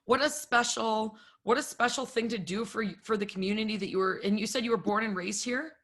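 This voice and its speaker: Chatty woman hosting with a higher voice. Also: a little fast, a bit bright. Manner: chatty and effusive, many "like"s. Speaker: show host. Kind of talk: casual interview chat.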